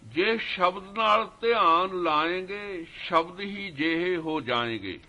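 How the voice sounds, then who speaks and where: A man giving a slow devotional sermon, reciting scripture verses in a measured chanting cadence. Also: sits high, lively intonation, bright, forceful tone, muffled recording. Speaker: Sikh preacher.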